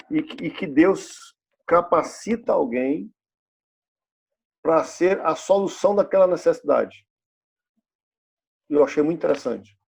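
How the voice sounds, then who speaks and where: A man's voice: a little high, creaky, darkish tone, husky. A pastor in his fifties preaching a sermon in a church, asking the congregation rhetorical questions and repeating key phrases. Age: 50s.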